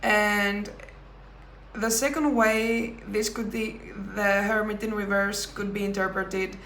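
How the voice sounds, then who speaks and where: A woman giving a pick-a-card tarot reading, talking thoughtfully with pauses and self-corrections. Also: medium pitch, steady tone, a bit bright, reverberant, slight background noise. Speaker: tarot reader.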